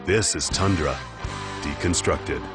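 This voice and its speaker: Low male promo narrator over loud music. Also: takes it slowly.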